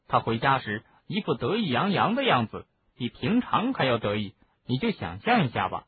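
A man's voice: mid-range voice, very animated, normal speed, breathy edge. A man reading a chatty teenage boy wizard. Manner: chatty, explaining at length. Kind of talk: audiobook reading. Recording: narrow phone-like lo-fi sound.

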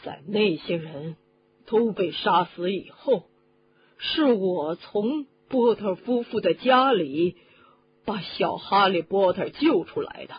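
A woman voicing a huge, gruff male gamekeeper who talks loudly and chokes up, in an audiobook reading on a dull lo-fi recording with faint hum. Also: medium pitch, lively intonation, takes it slowly. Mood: heated. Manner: loud, heated, choking up.

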